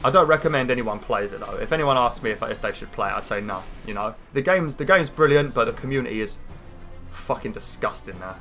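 A man's voice: medium pitch, lively intonation, fast, sharp tone, soft background music. A British man in his thirties with a nasal voice, as if pinching his nose, rambling casually and swearing a bit as he commentates on a video game. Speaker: gaming video host.

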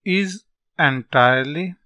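A man with a North Indian accent teaching as a physics tutor, working through solutions step by step in short, halting phrases as he dictates. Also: on the high side, sharp tone, no room sound. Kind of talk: step-by-step lesson, reading out worked solutions.

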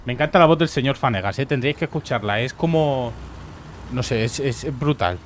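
A young man with a Murcian Spanish accent, giving playful mock-documentary commentary over game footage and jumping into excited yelps. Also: medium pitch, fairly quick, a little hiss or hum. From Murcia, Spain. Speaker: gaming streamer. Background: faint game gunfire and explosions.

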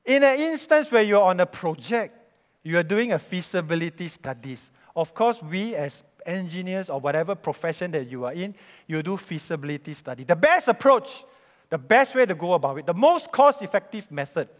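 A male pastor with a Singaporean English accent delivers a storytelling sermon, his high voice swinging widely in pitch. He slips into quoted voices of bosses and workers. The sound carries the long echo of a large church hall. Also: sing-song, normal speed.

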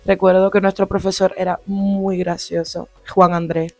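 A young woman from Cuba with a Cuban Spanish accent, slightly hoarse, chatting animatedly through a storytime vlog into a small handheld mic in a small home room. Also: on the low side, moderate pace, no echo, faint music behind. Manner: chatty, animated, lots of fillers and asides. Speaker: vlogger. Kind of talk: casual storytime. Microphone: handheld lavalier mic near mouth.

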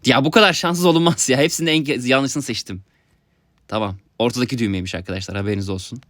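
Excitable young man playing a game. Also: medium pitch, quick pace, no room sound, studio quality. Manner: excitable, yelps and laughs at mishaps, talks to viewers. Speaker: gaming YouTuber. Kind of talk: let's play commentary.

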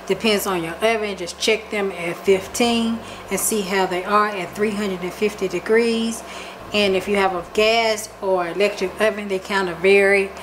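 A woman's voice: medium pitch, steady tone, normal speed. Chatty woman cooking vlogger. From Georgia, US. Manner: chatty, talks with her mouth full at times. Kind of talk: casual cooking vlog. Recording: noisy home recording.

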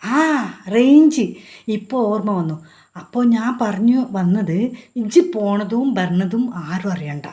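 A woman's voice: medium pitch, expressive, measured pace, dark tone, natural voice. A woman voicing a fussy, forgetful old village grandmother, scolding and easily fooled. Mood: anxious. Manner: fretful, scolding, gullible.

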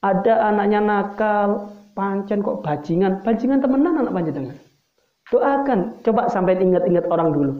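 A man's voice: high-pitched, moderate pace. Male preacher, emphatic and direct, heard through a roomy, phone-thin sermon recording. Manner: emphatic, repeats key phrases, addresses listeners directly. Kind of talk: religious sermon. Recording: echoey, tinny lo-fi sermon recording.

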